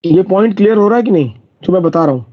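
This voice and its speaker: A man teaches math in a live online class, going step by step and checking whether students are following. His high, animated voice races along on a dull, dry lo-fi recording with no room sound.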